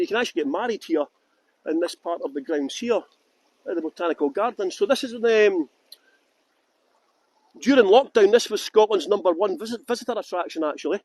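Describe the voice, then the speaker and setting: A man's voice: high-pitched, no room sound. A man from West Yorkshire giving a chatty, joking walking tour outdoors in large public gardens. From England (West Yorkshire). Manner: chatty, joking, lively asides. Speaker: tour guide. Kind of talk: live-streamed walking tour talk.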